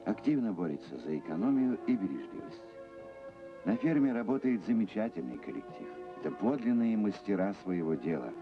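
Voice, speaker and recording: Male narrator for an old newsreel: deep, formal, measured read over clear music. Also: big pitch swings. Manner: formal, measured official delivery. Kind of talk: scripted documentary narration. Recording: dull lo-fi archival film sound with music.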